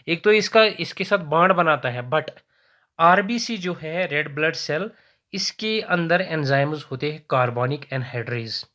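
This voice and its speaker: A young male teacher with a bright, forceful voice pitched a little high, giving an exam-prep biology lesson. He explains step by step, repeats key terms, and fixes his own slips as he goes. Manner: explanatory, mixes English terms and phrases into Hindi.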